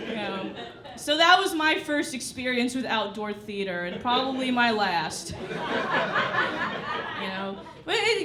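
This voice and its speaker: High-voiced woman doing stand-up. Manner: chatty, lots of "you know" asides. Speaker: stand-up comedian. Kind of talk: stand-up set. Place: comedy club stage. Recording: echoey club with audience noise. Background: live audience laughter.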